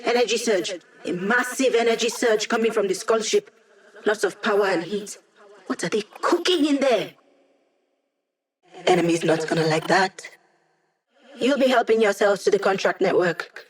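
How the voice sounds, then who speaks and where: A woman's voice: medium pitch, expressive, moderate pace, pauses often, lightly acted. A woman voicing a playful young female hacker in a video game, with a casual, wry, teasing manner. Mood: focused, brisk.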